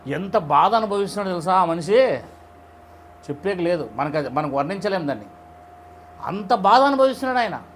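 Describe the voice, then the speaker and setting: A man with a notably high voice gives a conversational sermon. He keeps turning to his listeners with rhetorical questions and tells stories in plain, everyday words. A faint noise hums softly underneath. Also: animated, brisk, pauses often. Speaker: preacher leading a Bible study.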